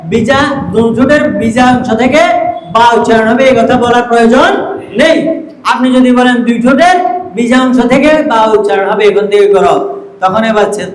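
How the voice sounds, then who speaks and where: A male Quran reading teacher giving an instructive training lesson to other teachers, often asking checking questions. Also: very high-pitched. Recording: echoey room with faint noise.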